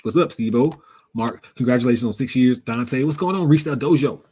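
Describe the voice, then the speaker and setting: Husky man chatting through a live Q&A. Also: mid-range voice, a little fast. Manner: reads viewer comments aloud and answers them, laughing often; relaxed, conversational, drops words into everyday slang. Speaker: livestream host reading chat. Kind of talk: casual live Q&A chat.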